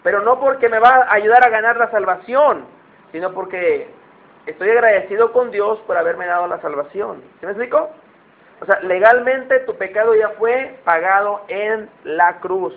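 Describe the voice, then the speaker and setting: A man's voice: sits high, normal speed, vocal fry. A man preaching a conversational sermon, often asking his listeners questions. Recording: tinny phone-like sound.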